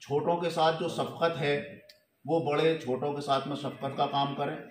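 A man's voice: fairly high pitch, steady tone. A man, a goat farm owner, giving a formal and earnest thank-you speech into a handheld mic indoors, surrounded by a crowd. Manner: slow, earnest, formal Urdu phrasing. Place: indoor hall with a crowd of men. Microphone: handheld mic held close. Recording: echoey room with some noise.

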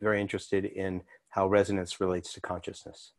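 A man's voice: low-pitched, monotone, a little fast. A man, a psychology professor, introducing himself modestly and hesitantly on a video call.

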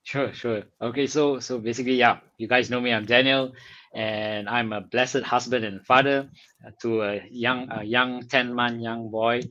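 A man's voice: mid-range voice, steady tone, moderate pace, pushed and bright, dull audio. A man as an interview guest, upbeat and casual, using easy fillers like "you know". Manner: upbeat, hypes with whoops, conversational fillers.

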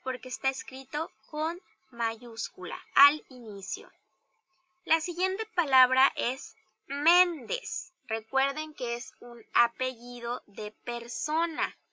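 A woman teacher with a Mexican Spanish accent, giving a slow, deliberate grammar lesson to young children and asking them questions. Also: high voice, pushed and bright, no room sound. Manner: slow, deliberate, spells out each example; addresses pupils directly with questions. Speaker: primary school teacher.

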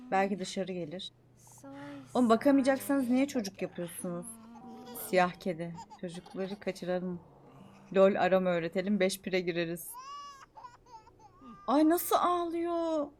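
A young woman streaming a life-sim game, chattering excitedly, scolding the characters and swinging from mutters to shouts. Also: on the low side, a little hiss or hum. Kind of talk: live gameplay commentary.

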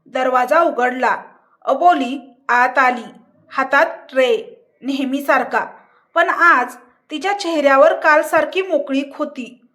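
A woman narrating a novel in a calm, measured way. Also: sits high. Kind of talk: scripted narration.

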